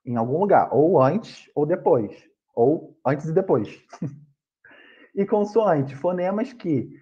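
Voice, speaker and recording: A man's voice: on the high side, expressive, slow, mellow, muffled recording. A man with a Brazilian Portuguese accent teaching an online grammar lesson over a video call, explaining patiently, repeating points and correcting himself.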